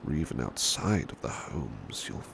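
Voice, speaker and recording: Heavily acted, a man voices a British estate butler with a very deep, gravelly voice, a devoted, gentle, protective character in an ASMR roleplay. Wistful and calm, he talks formally and courteously in a hushed, hesitant manner with long pauses, soft and intimate, sometimes sliding into whispers, over a clear steady rain-like backdrop.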